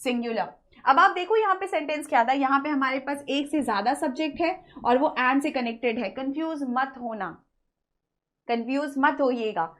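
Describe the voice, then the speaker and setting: A woman teaching English grammar in an online lecture, explaining in Hindi mixed with English, asking questions and answering them herself, and slowing down to read example sentences. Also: sits high, fairly bright tone.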